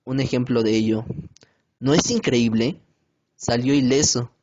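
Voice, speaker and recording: A man reading a grammar lesson aloud in a slow, careful way, with some hesitations. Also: mid-range voice, darkish tone. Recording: dull lo-fi home recording.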